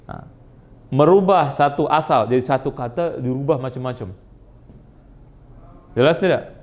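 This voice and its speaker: An Indonesian-accented man teaching an Arabic grammar class, quizzing students with quick questions and repeating their answers. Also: medium pitch, darkish tone. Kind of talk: classroom lesson.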